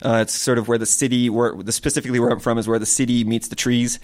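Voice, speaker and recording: A man's voice: medium pitch, flat delivery, fast talker. A man from Connecticut who runs a small farm, earnestly explaining his work in an interview. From Connecticut, USA. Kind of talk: interview answers.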